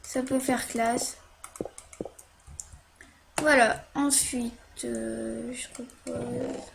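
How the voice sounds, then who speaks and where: A woman's voice: a little high, little pitch movement, extremely slow, vocal fry, slight background noise. A woman talking through a casual game tutorial while she plays, hesitant, with many fillers and little "hop" sounds as she clicks.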